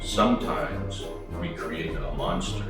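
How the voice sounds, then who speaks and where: Guy doing horror host commentary, mock solemn, slow, lots of echo, kinda far from mic. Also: low voice, fairly even intonation. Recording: echoey room, off-mic, music behind. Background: music.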